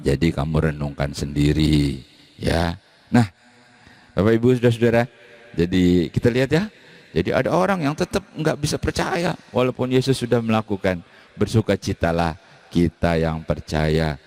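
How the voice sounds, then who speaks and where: A man's voice: on the low side, normal speed, vocal fry, a little mellow. A male pastor giving a chatty, story-driven sermon and leading prayer in a church. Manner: conversational, storytelling.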